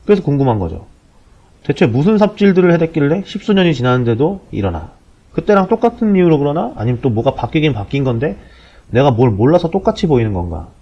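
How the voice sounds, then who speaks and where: Dull, low-bitrate audio carries a man of about forty giving casual commentary. He talks fast, with lively swings in pitch. His manner is colloquial and irreverent, often putting rhetorical questions as he explains. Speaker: host of an explainer show.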